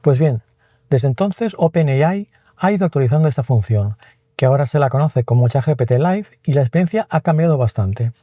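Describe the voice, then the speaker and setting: A man's voice: medium pitch, animated, warm tone, no echo, studio quality. A man with a Spain Spanish accent presenting a tech review and explaining things plainly. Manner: explains quickly and plainly, chats with the assistant. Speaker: tech video host.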